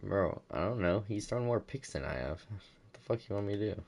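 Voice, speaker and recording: A man's voice: fairly low pitch, animated, brisk, creaky, a little mellow. A young man in casual gaming chat over a headset, laid-back and dismissive, calling his friends bro. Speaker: online league player.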